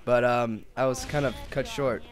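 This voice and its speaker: A teenage boy talks through his own gameplay in a casual commentary. His voice sits at an ordinary middle pitch, relaxed and explanatory, full of likes and ums. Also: moderate pace, soft background music. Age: teens. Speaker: player explaining his game.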